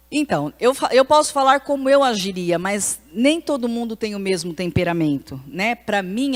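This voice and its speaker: A Brazilian woman pastor with a mid-range voice gives an informal church lesson on a handheld mic. She talks frankly and conversationally, restarting sentences and checking in with the room. Her voice carries the long reverb of a church hall. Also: mid-range voice. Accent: Brazilian Portuguese. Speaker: pastor teaching a ministry class. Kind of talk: informal church teaching with audience questions. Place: church hall with a live audience. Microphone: handheld microphone.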